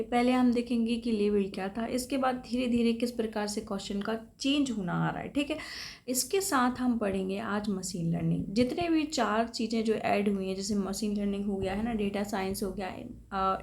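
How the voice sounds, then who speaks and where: Teaching computer subjects for a competitive exam, this woman lectures patiently and keeps asking "thik hai" to check in with the class. Her fairly high voice has vocal fry and a slightly mellow quality.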